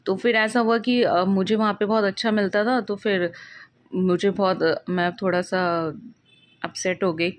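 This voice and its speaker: A woman's voice: medium pitch, fairly even intonation, measured pace. A woman casually telling a personal devotional experience in a meandering way, often restarting and correcting herself.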